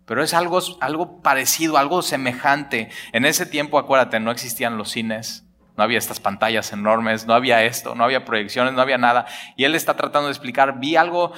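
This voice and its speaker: Animated preacher, bright voice. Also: male voice, mid-range voice, brisk. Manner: animated, acts out dialogue, colloquial Mexican slang. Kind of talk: lively sermon on scripture.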